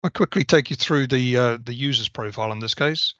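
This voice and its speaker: Male presenter on a video call, methodical and explanatory. Sharp, bright tone with slightly muffled call audio. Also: medium pitch, fairly quick, no echo. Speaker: software presenter. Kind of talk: technical product walkthrough.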